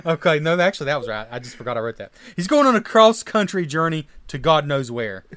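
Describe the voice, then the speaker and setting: A man with a thick deep Southern US accent and slightly mumbled diction, bantering casually as a podcast co-host. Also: big pitch swings, quick pace, a bit bright, dry recording.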